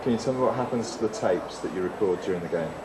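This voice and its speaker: A male reporter with a deep voice delivers documentary narration and interview questions. Traffic noise is clearly audible behind him. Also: fast talker.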